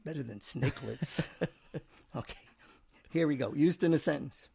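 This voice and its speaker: Chuckling as he goes, a host reads out word definitions and example sentences in a playful, casual chat, slowing down at times. His voice runs a bit high and is creaky, husky and dark-toned.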